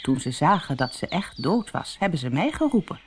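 A woman voicing a kindly old witch in a storybook, speaking softly and gently. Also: sits low, sing-song, moderate pace, noisy background. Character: kindly old good witch, small and stiff.

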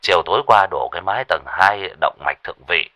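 A man voices a sleepy young male shaman, grumpy at being woken. He speaks in a low, soft mumble. The voice stays calm and unhurried. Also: no echo. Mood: drowsy.

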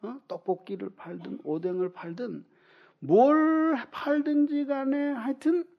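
A man pastor preaching an animated sermon, acting out little dialogues and dropping to whispers at times. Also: very high voice, a little slow, gravelly. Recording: muffled lo-fi sermon recording.

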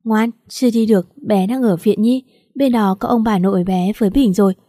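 Woman doing a soft caring big sister, soothing, mellow dry voice. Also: medium pitch, fairly quick, dry recording, lightly acted. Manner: gentle, comforting.

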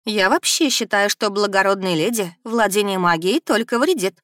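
A woman's voice: medium pitch, normal speed, a bit bright, no echo, clean studio sound, lightly acted. A woman voicing a fussy middle-aged noble mother, pleading and reproachful.

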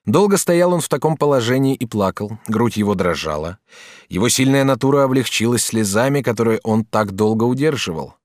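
A man narrating an audiobook novel with expressive storytelling. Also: medium pitch, fairly quick, dry recording, studio quality. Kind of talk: scripted narration.

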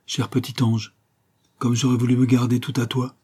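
A soft-spoken young mother, gentle and a little sad, tender with her child in a storybook reading, as a man voices her. The tone stays low and mellow with a husky edge. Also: moderate pace.

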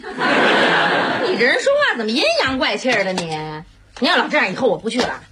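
An actress playing a chatty, quick-witted middle-aged mother in a sitcom, laughing as she talks. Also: a little high, very animated, very noisy. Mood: bantering. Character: lively, sharp-tongued middle-aged mother. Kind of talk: sitcom acting.

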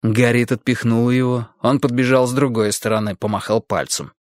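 A man narrating an audiobook in a lively, expressive reading. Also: medium pitch, a little fast, dry recording, studio quality.

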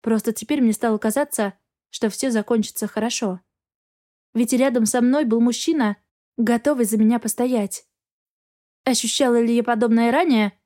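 A woman reading a first-person audiobook in a measured, reflective way. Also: fairly high pitch, mellow. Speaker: audiobook narrator.

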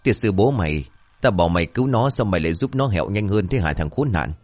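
Gruff old exorcist master, as a man puts him on. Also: sits low, brisk, lightly acted. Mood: commanding. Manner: barks orders and curses. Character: gruff old male exorcist master, bossy and short-tempered.

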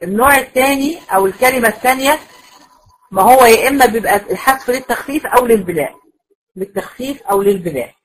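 A woman's voice: fairly high pitch, lively intonation, quick pace, husky, low-quality recording. A woman with an Egyptian accent teaching Quran recitation, explaining patiently, repeating her points and asking the class checking questions. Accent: Egyptian Arabic. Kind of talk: classroom lecture.

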